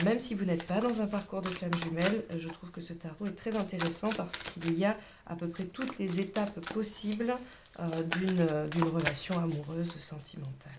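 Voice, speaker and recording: A woman with a fairly low-pitched voice and a cold gives a casual tarot reading over some background noise. She's chatty yet hesitant, now and then dropping to a whisper.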